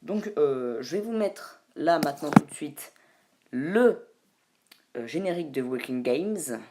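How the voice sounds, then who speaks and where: A woman's voice: low voice, animated, measured pace, very noisy. A woman hosting a homemade video, chatting in a rambling way with many fillers. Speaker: YouTube host. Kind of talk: casual homemade video commentary.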